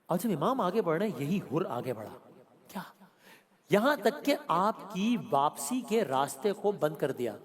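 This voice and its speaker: A middle-aged man telling a religious story with dramatic emotion, asking and answering his own questions, rising loud and then dropping to near whispers. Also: high-pitched, very animated. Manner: drops to a whisper at moving moments. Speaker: host narrating a religious story.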